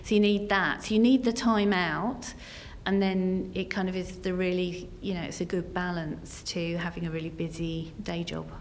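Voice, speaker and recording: A woman's voice: on the low side, steady tone, normal speed, hardly any pauses, a little hiss or hum. A woman giving earnest, conversational interview answers, peppered with "you know" and "kind of". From Essex, England. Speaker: interview guest, senior business executive.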